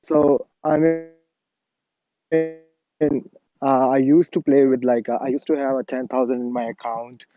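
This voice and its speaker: A man asking questions over an online group call, his audio breaking up now and then, talking haltingly with lots of fillers. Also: medium pitch, little pitch movement, faint music behind. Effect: choppy internet call audio breaking up. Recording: dull lo-fi call line, breaking up.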